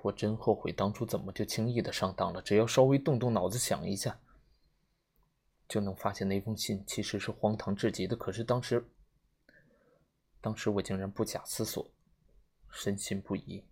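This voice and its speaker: A man reading an audiobook, voicing an elderly spinster who speaks in a flat, sharp, moralizing way. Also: fairly low pitch, normal speed, creaky, pauses often, breathy edge. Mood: cold. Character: stern, self-righteous elderly spinster.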